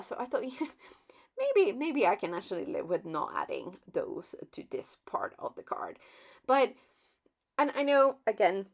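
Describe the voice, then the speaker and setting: A woman hosting a crafting channel, narrating her video in a casual, bubbly way and joking about her love of sparkle. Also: medium pitch.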